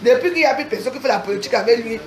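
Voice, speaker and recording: A woman with a somewhat high voice rants furiously on a livestream, trading insults and challenges. She talks in a confrontational, repetitive way. The sound carries a roomy echo. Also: expressive, racing. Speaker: social media livestreamer. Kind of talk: angry livestream rant.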